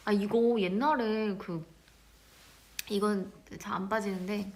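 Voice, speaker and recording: A woman chatting casually with viewers on a live stream, playful and giggly, often dropping into a soft whisper. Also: mid-range voice, fairly even intonation, slow.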